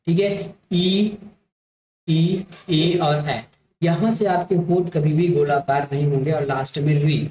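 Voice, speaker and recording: A male teacher with a slightly high voice gives an exam-prep grammar lesson. He walks through each point patiently, repeats himself and keeps checking that his students follow. The sound is echoey, with a faint hum in the background. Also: darkish tone.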